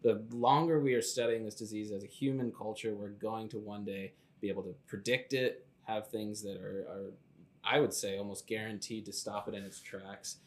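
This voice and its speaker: A man's voice: lowish voice, fairly even intonation, moderate pace. Upbeat man hosting a podcast. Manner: upbeat, wraps up segments. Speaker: podcast host. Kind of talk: casual podcast chat.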